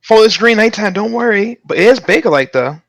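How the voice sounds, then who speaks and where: Male co-host, gravelly, swooping, loud jokes, dry mic. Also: sits high, a little fast. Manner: loud, animated, wisecracking. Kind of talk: casual live-stream chat.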